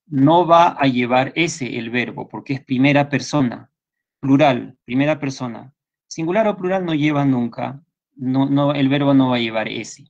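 Patient Peruvian Spanish male English teacher. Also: medium pitch. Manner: patient, repeats points and checks understanding with students. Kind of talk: online class lecture. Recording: slightly dull lo-fi sound.

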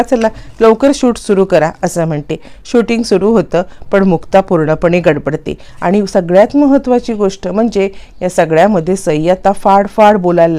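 A woman narrator retelling a TV serial episode in a steady, storytelling manner. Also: lowish voice.

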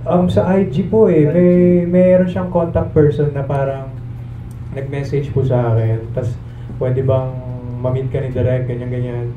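A young man, an actor at a press conference, giving polite, soft-spoken, rambling answers into a handheld mic in a large room. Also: medium pitch, steady tone, measured pace, phone-quality sound, slight background noise. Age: young adult. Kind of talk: casual interview answers. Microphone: handheld mic, recorded by a far camera. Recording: echoey room from far off, thin sound.

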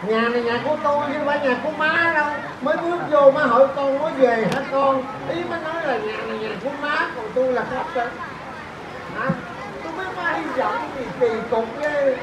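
A man's voice: very high-pitched, brisk, distant mic, heavy background noise. A man playing a drunk grown son who sneers at his mother. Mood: sneering. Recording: roomy, muffled stage recording with loud crowd and music.

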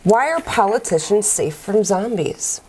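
A woman's voice: medium pitch, sing-song, measured pace, a little mellow, slightly rough. A woman telling a dad joke in banter, setup first and then the punchline. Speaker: joke challenge contestant. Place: small dark studio room, seated at a table.

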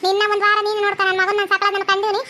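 A woman's voice: very high voice, completely flat delivery, background noise. A woman voicing a fierce, foul-mouthed young daughter-in-law in a cartoon, hurling insults in a North Karnataka Kannada accent. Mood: defiant. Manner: defiant, insulting, rapid. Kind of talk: cartoon voice acting.

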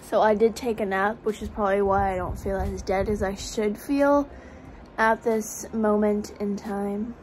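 A young woman in her twenties talks into a phone held at arm's length, chatty and self-mocking. She sounds tired from staying up all night and rambles in a casual vlog style. A faint hiss of noise sits behind her, with her pitch in an ordinary middle range. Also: steady tone, measured pace, a little mellow, rough recording. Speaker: vlogger. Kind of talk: casual vlog chat to camera. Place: small bedroom indoors. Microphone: phone camera at arm's length.

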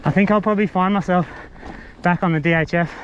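Speaking quickly in a voice that sits high, a man tosses out casual, fragmented gear commentary as he rides a mountain bike through bushland. His worn action camera records muffled audio dominated by wind and trail noise.

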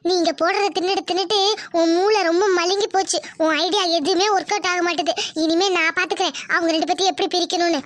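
A jealous young cartoon woman, as a woman voices her, mocking and scheming, her voice pitched high and thrown a little off-mic. She rattles her words out fast. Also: steady tone, fairly bright tone. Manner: mocking, scheming whispers aside. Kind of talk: cartoon dubbing.

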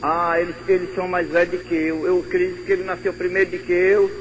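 An older man with a northeastern Brazilian accent calls in, his voice pitched high for a man. He speaks earnestly, stumbling and repeating words as he goes. Faint noise runs under the broadcast line. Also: monotone, fast talker, low-quality recording. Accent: Brazilian Portuguese, northeastern. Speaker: caller. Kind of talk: phone-in call.

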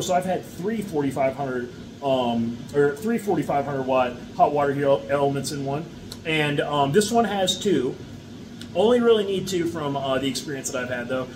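A middle-aged man, a mushroom farmer, gives a casual how-to talk to the camera indoors, checking in often with "okay?" and "all right?". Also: on the high side. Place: indoor farm room with grow shelves. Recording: steady background noise.

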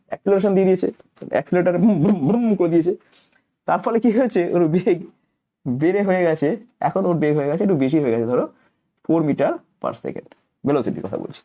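A man's voice: high voice, dull audio. A male physics teacher, lecturing emphatically and answering his own questions as he explains. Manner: mixes English terms into explanations.

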